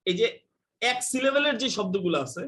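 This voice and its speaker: Man, young adult, high voice, rapid speech, joking, scolding, English teacher in a live online class. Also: animated, fairly bright tone.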